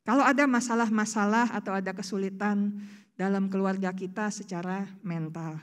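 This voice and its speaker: A woman's voice: medium pitch, steady tone, normal speed. A woman preacher, giving a chatty sermon full of rhetorical questions she answers herself. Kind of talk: casual sermon.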